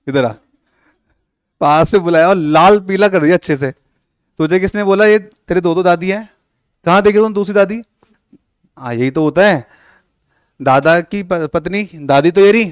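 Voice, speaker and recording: A man with a high-sitting voice lectures his coaching class in Rajasthani-accented Hindi-English, teasing students and playing out little scenes as he explains. The recording is dry with clean studio sound.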